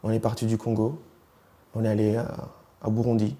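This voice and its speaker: A young Rwandan man in his twenties answers interview questions, switching between languages. His voice sits on the low side and is warm but monotone, and he talks fairly quickly while hesitating and hunting for words.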